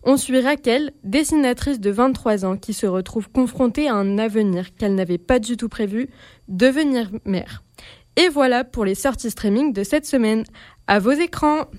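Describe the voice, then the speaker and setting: A woman columnist reads the week's streaming picks in a steady, scripted way. Her voice is somewhat high, and the recording is close and dry, with no room sound. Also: moderate pace, dry recording. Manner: clear, steady reading from a script. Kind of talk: scripted presentation.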